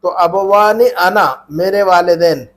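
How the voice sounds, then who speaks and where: Speaking slowly in a high, fairly bright voice, a man runs an Arabic grammar lesson. He drills the class through call and response, patiently asking questions again and prompting replies.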